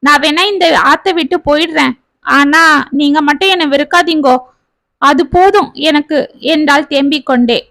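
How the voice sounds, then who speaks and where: A woman voicing a gentle young woman who pleads and confesses in a spoken family story. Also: high voice, normal speed, no room sound. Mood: pleading.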